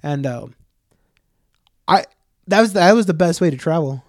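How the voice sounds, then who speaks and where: A young man co-hosting a podcast, telling stories in a loose, profane, animated way with plenty of fillers. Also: on the high side, normal speed, no room sound, clean studio sound. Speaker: podcast co-host. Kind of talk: casual storytelling chat.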